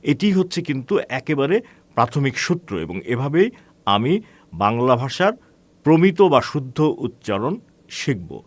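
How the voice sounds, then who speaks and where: A man teaching an online class, explaining in a measured way with frequent hesitations, asking rhetorical questions and calling his students friends. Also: mid-range voice, very animated, dry recording. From Bangladesh.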